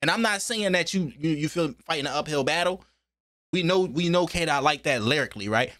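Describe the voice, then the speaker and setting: A man hosting a music reaction video, excitedly breaking off to repeat and unpack lyrics in casual commentary. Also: on the high side, brisk, no room sound, studio quality. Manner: frequent "you know what I'm saying" filler.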